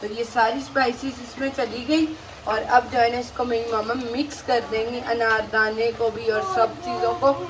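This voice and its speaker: A woman with a hoarse throat hosting a home cooking video, chatting casually as her mother cooks, often repeating the same filler phrase. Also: fairly high pitch, a little hiss or hum, low-quality recording. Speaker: cooking channel host. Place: home kitchen. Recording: kitchen clatter of dishes and cutlery.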